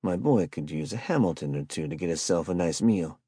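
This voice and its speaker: A man's voice: deep voice, animated, fairly quick, breathy edge, no room sound, studio quality. A man voicing a menacing adult street hustler who bullies and robs, in swaggering slangy speech, for a spoken story. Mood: greedy. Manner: swaggering slangy street talk, pushy and loud.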